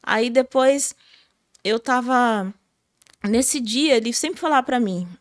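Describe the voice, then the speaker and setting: Slowly and in a slightly high voice, a Brazilian gospel singer relates her personal testimony in a podcast interview, emotional and full of fillers like "sabe?" in her Brazilian Portuguese. There's no room sound, and the audio is studio quality.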